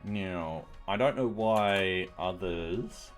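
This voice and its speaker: A man with a fairly low voice talks through his code as he writes it, in a loose, casual live-stream way. He narrates each small step to himself and drops the odd dry, sarcastic remark. Soft music and keyboard clicks sit faintly behind him. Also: extremely slow. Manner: dry, mildly sarcastic asides. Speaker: streamer and software developer. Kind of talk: live coding commentary.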